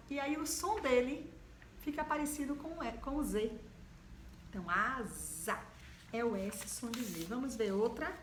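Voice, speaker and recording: A woman teaching young children in a video lesson from home, with a Brazilian accent, drawing out words slowly. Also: on the high side, reverberant, slight background noise. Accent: Brazilian Portuguese. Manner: slow, drawn-out words for the children. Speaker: primary school teacher.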